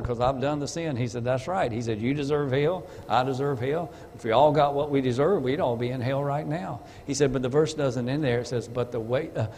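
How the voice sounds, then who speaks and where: A man's voice: mid-range voice, darkish tone. Man preaching a testimony in a church. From North Carolina. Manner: storytelling, acts out dialogue. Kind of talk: testimony sermon. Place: church sanctuary. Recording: long church reverb, faint room noise.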